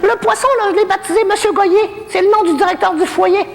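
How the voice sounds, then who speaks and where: A woman brings a cheeky, bawdy old Québécois woman in a retirement home to life in a brisk stand-up monologue of racy gossip and self-directed jokes. Her very high, gravelly voice keeps fairly even intonation, with long hall echo and slight background noise.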